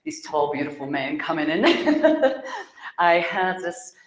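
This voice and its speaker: A woman from Glasgow with a Scottish accent, giving a chatty talk to an audience as a psychic speaker, speaking loudly and laughing often. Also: lowish voice, very animated, slow, roomy sound. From Scotland.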